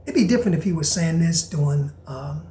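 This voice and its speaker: A man hosting a podcast in a preacher's style, reading aloud and commenting with emphatic repetition and sudden hushed whispers. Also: fairly high pitch, expressive, a little fast, roomy sound. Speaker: podcast host.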